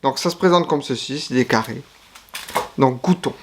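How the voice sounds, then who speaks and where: A man's voice: mid-range voice, normal speed, background noise. A man giving casual food-tasting commentary to camera, chatty and frank, sometimes talking while chewing. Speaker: YouTuber tasting foreign food.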